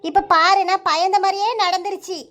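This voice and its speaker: A voice actor doing a shrill scolding cartoon mother. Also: steady tone, normal speed. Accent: Kanyakumari Tamil. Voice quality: high, pitched-up cartoon voice. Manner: sharp, scolding, threatening. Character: scolding village mother of two daughters. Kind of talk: cartoon voice acting.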